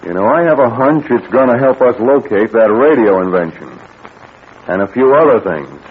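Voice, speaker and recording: A man's voice: mid-range voice, lively intonation, breathy edge. An American man playing a tough, cocky, wisecracking adventurer who takes charge in an old radio show serial. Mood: menacing, firm. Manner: brisk, wry, taking charge. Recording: tinny, noisy old radio recording.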